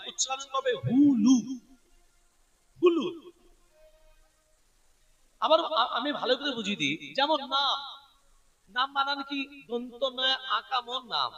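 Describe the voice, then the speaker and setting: A male preacher with a very high, bright voice delivers a devotional sermon. He explains patiently, spelling words out and repeating key points. The mic is set some distance from him. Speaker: kirtan preacher.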